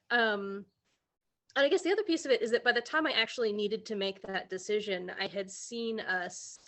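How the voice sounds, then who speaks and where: A woman who is an employee-owner, answering panel questions hesitantly with many pauses. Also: mid-range voice, a bit bright.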